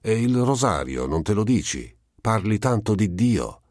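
A man reads an eccentric older gentleman in an old tale, mild and coaxing. The voice sits higher than his usual deep one, recorded close and dry. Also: very animated, measured pace, dry recording.

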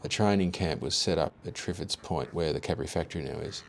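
Deep-voiced man narrating history. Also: vocal fry, a little hiss or hum. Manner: measured, factual storytelling. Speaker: documentary narrator. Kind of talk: scripted narration.

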